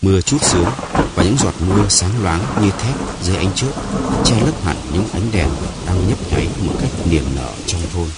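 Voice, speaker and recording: A man narrating an audiobook story in a measured, dramatic reading. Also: low-pitched, animated, heavy background noise.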